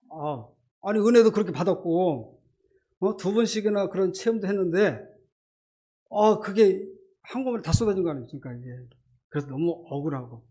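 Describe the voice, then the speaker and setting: A middle-aged man, a church deacon, gives an earnest, halting personal faith testimony during a church service, with many fillers. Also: a little high, a little mellow, slightly rough. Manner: earnest, halting, many fillers, acts out his inner voices.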